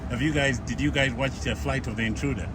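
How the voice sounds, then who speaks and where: Chatty airline captain over cockpit noise. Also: male voice, medium pitch, steady tone, fast talker. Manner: chatty, teasing, enthusiastic. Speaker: training captain. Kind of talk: casual cockpit chat. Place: airliner flight deck. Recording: loud engine and cockpit noise.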